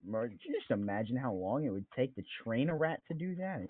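A man's voice: mid-range voice, big pitch swings, brisk, dry recording, narrow, tinny audio. Joking man on a thin voice-chat line. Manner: joking, laughs easily, says bro. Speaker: podcast co-host. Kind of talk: casual chat. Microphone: online voice chat.

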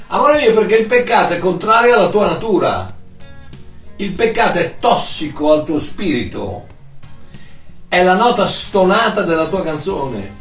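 Brief: male preacher, animated and emphatic, slightly high voice, echoey and a bit distant with faint music under him. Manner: emphatic, lively preaching with long lists and sudden drops to soft tones. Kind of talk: sermon answering listener questions.

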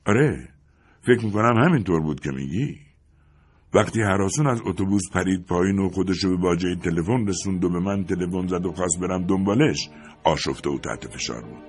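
Over soft background music, a low-voiced man plays a sneering, smug neighbor in an audiobook reading. His character voice is mocking and taunting.

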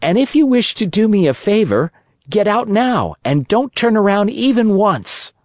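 A storyteller voicing an impudent, quick-tempered wooden marionette boy in a storybook reading. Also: medium pitch, sing-song, a little mellow, no echo, clean studio sound, pitched above the performer's own voice, natural voice. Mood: cheeky defiant. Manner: cheeky, impatient.

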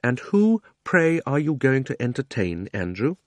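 A man's voice: mid-range voice, big pitch swings, measured pace, dry recording, pitched above the performer's own voice. A man voicing a tough, prim old aunt in a storybook, firm and disapproving. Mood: firm reproach.

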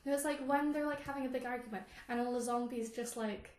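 A woman guest on a casual book-discussion podcast, mostly giving relaxed short agreements. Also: fairly high pitch, fast, echoey room.

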